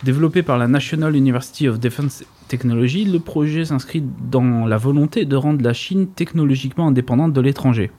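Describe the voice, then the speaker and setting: A man's voice: medium pitch, a little fast, few pauses, dark tone. Man reading a dry, ironic segment. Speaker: radio show columnist. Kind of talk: reading a prepared segment on a talk show.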